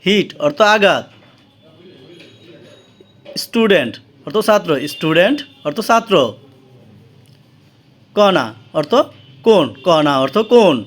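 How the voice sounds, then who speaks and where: A man with a Bangladeshi accent teaching English vocabulary, saying each word slowly and repeating it with its meaning. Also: high voice, animated.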